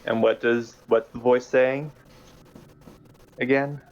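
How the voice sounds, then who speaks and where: Flat-voiced man asking questions at a game table. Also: medium pitch, takes it slowly, lo-fi sound. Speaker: player. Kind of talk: casual game talk.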